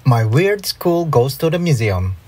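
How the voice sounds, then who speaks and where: A woman reading a children's storybook aloud, voicing the characters. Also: a bass voice. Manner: slow, lively read-aloud with voiced characters. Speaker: storybook reader.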